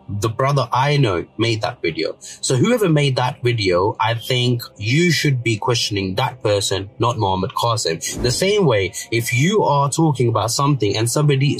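Sitting in a parked car, a man in his thirties records a casual video rebuttal on his phone, speaking earnestly with plenty of fillers. He is a commentator born in Pakistan whose first language is Urdu, and his voice is medium-pitched and husky. The recording is rough.

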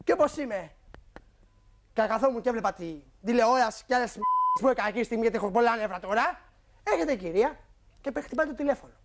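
A man with an unusually high voice argues on a television talk show. He is combative and crude and keeps interrupting his wife. He tells his side of the story in a worked-up way. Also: lively intonation, pauses often, fairly bright tone, a little hiss or hum. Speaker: guest in a couples dispute. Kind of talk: heated studio argument.

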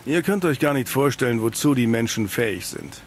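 A world-weary private eye from a fantasy video game, acted by a man, speaking in a cynical noir detective manner. The pitch is middling and the delivery dry. Faint rain sits behind the voice. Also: lively intonation, brisk, slight background noise, close to an everyday voice. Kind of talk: scripted video game dialogue in German dub.

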